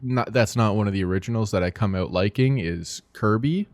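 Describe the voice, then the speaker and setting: A man's voice: fairly low pitch, a little fast, darkish tone, no echo. A man co-hosting a casual movie podcast, rambling and hesitant with lots of fillers. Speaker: podcast co-host.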